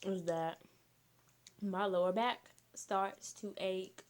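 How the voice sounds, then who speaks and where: Slow-talking young woman eating on camera. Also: medium pitch. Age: young adult. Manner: slow, relaxed talk between bites. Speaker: mukbang vlogger. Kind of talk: casual eating vlog.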